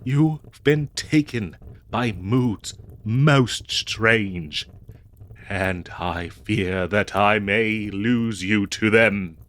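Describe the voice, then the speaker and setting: A man performs a comedic audio roleplay as a prim, devoted, fretful 19th-century husband, using florid, halting, theatrical old-fashioned phrasing. His voice is lowish and a bit bright, and he sounds troubled and hesitant.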